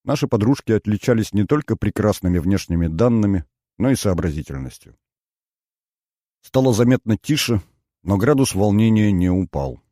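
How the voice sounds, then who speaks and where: Male audiobook narrator, very low and mellow, measured first-person storytelling. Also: expressive, no echo, clean studio sound.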